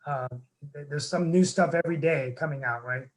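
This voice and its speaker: A man's voice: fairly high pitch, moderate pace, low-quality recording. Earnest rambling man hosting a webinar. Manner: earnest, rambling, many fillers and restarts. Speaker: webinar host, town council member. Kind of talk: casual webinar talk. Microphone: video call.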